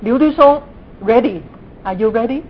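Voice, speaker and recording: A woman's voice: lively intonation, unhurried. Woman with Cantonese-accented Mandarin, muffled noisy recording. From Guangdong, China. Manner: frequent sentence particles, mixes in English terms. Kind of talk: church teaching lecture. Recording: dull lo-fi room recording, audible noise, rumble.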